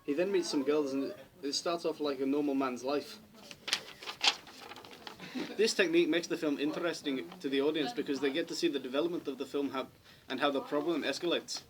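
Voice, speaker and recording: A man's voice: on the high side, steady tone, a little fast. A teenage male student reads prepared answers for a school interview, often stumbling and restarting words. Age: late teens. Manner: stumbling, frequent restarts while reading. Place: busy classroom. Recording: noisy classroom with chatter behind.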